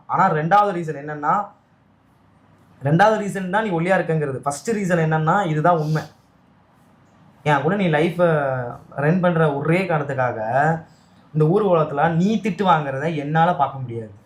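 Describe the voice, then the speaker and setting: A young man with a Tamil accent, speaking calmly and firmly in a staged argument with his partner. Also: on the high side, normal speed, pauses often. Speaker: YouTube couple vlogger.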